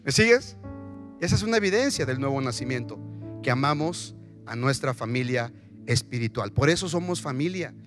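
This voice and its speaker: A male pastor preaching a sermon in a church, animated and often asking the congregation questions. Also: mid-range voice, moderate pace, music in the background.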